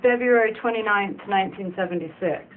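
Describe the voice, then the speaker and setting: A woman's voice: mid-range voice, brisk. Patient woman researcher, phone-like sound. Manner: patient, clear questioning. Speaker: researcher and interviewer. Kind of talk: interview questions and expert explanation.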